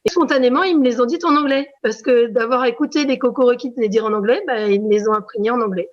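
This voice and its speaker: A woman's voice: fairly high pitch, quick pace, lo-fi sound. A woman from France who teaches preschool, giving a spontaneous testimonial full of hesitations and fillers. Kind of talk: testimonial interview.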